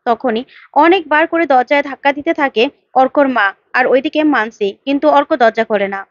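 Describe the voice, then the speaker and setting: A woman retelling a TV serial's plot in a brisk, plain storytelling manner. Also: high-pitched, no echo. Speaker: serial recap narrator. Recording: dry, dull lo-fi.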